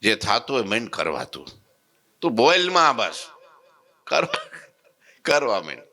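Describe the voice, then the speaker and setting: A man voicing a calm, patient male holy master who speaks gently and reassuringly in a sermon story. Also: mid-range voice, unhurried, heavily acted.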